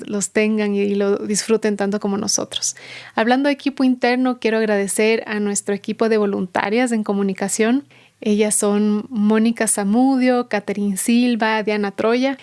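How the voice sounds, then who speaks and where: A woman's voice: mid-range voice, a little mellow, smooth. A woman hosting a podcast, introducing her guest and then interviewing her in the guest's home. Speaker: podcast host.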